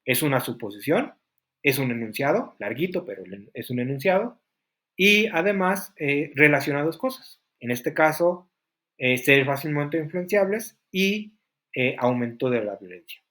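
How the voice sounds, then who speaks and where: A man's voice: on the high side, animated, normal speed, a bit bright. A man teaching a class, explaining points step by step and asking students questions. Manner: explanatory, asks the class questions, frequent fillers. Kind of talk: classroom lesson.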